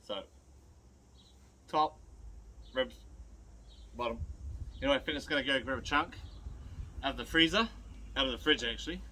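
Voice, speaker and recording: A middle-aged man with a broad New Zealand accent hosts a butchery demonstration for viewers, chatting casually as he works and giving laid-back, colloquial instructions. His mid-range voice sounds pushed and bright, at a moderate pace with frequent pauses. Slight background noise can be heard.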